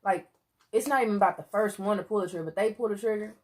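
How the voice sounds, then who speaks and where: A woman co-hosting a seafood eating video, chatting casually and earnestly about her relationship, and at times breaking into loud exclamations. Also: medium pitch, quick pace. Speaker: mukbang co-host. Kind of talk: casual chat while eating. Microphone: close mic for eating sounds.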